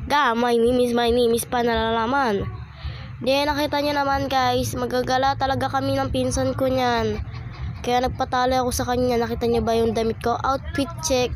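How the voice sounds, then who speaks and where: A woman's voice: high voice, little pitch movement, moderate pace. A young woman vlogging in a casual, teasing way, her voice stuffy and nasal from a cold. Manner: playful, teasing, frequent laughing asides. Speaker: content creator. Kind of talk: casual vlog chat.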